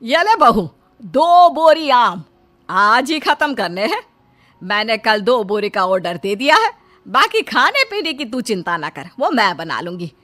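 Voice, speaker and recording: A woman's voice: a little high, big pitch swings, a little slow, a bit bright, soft background music. A woman voicing a scolding, nosy middle-aged mother-in-law in a cartoon, with nagging outbursts. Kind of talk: Hindi cartoon voice acting.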